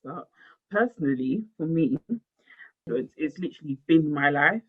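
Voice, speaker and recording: A woman in her twenties talking candidly in a casual podcast chat, animated and quick to laugh. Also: sits low, husky, phone-quality sound. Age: 20s. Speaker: podcast co-host.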